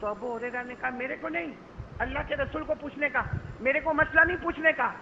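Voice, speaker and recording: A man preaching an emotional storytelling sermon, dramatic, acting out the voices and swinging from hushed lines to shouting, recorded in a large gathering hall. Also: extremely high pitch, fairly quick, gravelly. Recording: dull lo-fi hall with long reverb and faint noise.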